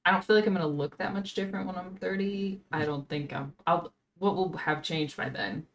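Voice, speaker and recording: A woman's voice: fairly low pitch, a little fast, gravelly. A woman in her twenties hosting a podcast, chatting casually and thinking aloud earnestly, at home on a desk mic. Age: 20s. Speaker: podcast host. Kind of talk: casual chat. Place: home streaming room.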